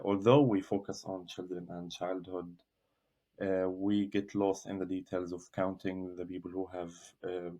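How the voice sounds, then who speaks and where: Low-voiced thoughtful man from Gaza. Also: mellow. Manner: measured, thoughtful, frequent hesitations. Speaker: podcast guest, researcher. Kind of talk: reflective interview answers.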